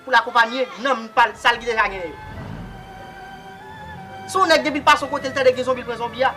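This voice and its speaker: A man plays a brash Haitian Creole orphan who speaks rudely and refuses to apologize. His voice is very high, bright and quick. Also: faint music behind. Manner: blunt, unapologetic. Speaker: character in a web drama series. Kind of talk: dramatic acting.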